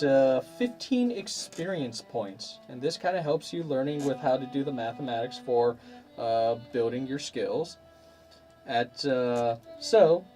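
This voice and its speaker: A man hosting a stream as game master, playfully walking players through tabletop rules. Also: medium pitch. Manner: animated, playful explainer.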